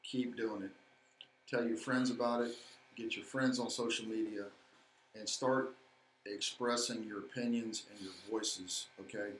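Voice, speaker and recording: A man's voice: fairly low pitch, steady tone, unhurried. A man co-hosting a local civic live stream, talking earnestly to viewers with hesitant fillers and a frequent "okay?". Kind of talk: casual talk, addressing viewers. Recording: echoey room with faint background noise.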